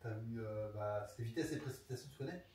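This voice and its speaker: Brief: man, the vlogger's partner, off-camera, mid-pitched, relaxed and teasing. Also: quick pace, breathy edge. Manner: teasing, laid-back.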